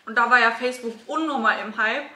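A young woman chats casually as a YouTube host. Her voice is fairly high and bright, picked up in an echoey room. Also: quick pace. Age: 20s. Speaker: YouTuber hosting a mukbang. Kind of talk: casual chat. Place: small room at a dining table. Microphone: camera a few feet away. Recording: echoey room, camera at a distance.

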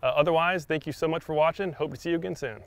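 A young man giving a casual fishing tutorial outdoors on a beach, talking in a relaxed way with many fillers and repeated words. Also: a little high, very fast, over loud music. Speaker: fishing instructor. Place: sandy shoreline outdoors by open water.

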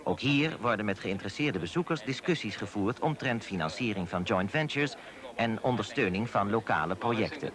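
A man giving formal, measured scripted voice-over narration for a documentary. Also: fairly low pitch, expressive, crowd noise. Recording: voice-over with loud music behind.

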